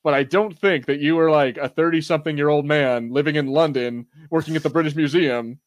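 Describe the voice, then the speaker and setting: His voice is a little high and steady in tone, his pace a little fast, with no room sound. Co-hosting a podcast, he jokes, rambles and swears now and then in casual slang while reviewing a TV show and responding to live chat.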